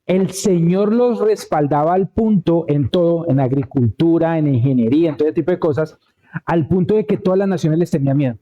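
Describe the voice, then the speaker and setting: A male preacher delivers a relaxed, storytelling sermon in a church. His voice sits a little high yet sounds deeply dark and mellow. He keeps turning to the congregation to check that they follow. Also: fairly quick, dull audio. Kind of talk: conversational sermon.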